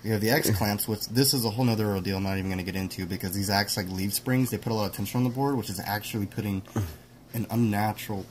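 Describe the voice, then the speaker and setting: A man's voice: fairly low pitch, fast, a little hiss or hum. A man casually explaining a console repair as he works, talking in a rambling way and correcting himself. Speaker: repair technician explaining hardware. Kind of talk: casual hands-on demonstration.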